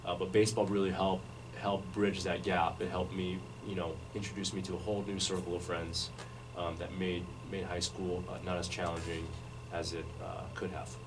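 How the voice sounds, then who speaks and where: This is a radio studio guest, a man with a low-pitched voice, recalling his past at an unhurried pace full of false starts and filler words. He sounds distant from the microphone, and background hiss never lets up.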